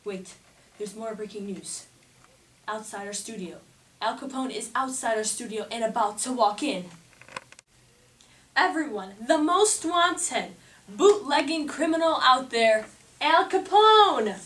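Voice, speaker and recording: At a measured pace, a woman with an expressive, fairly bright, high-leaning voice acts out a flighty, flirtatious 1920s anchor using lots of slang. It's a theatrical, mock-serious amateur newscast, captured from a distant mic in an echoey room with faint noise.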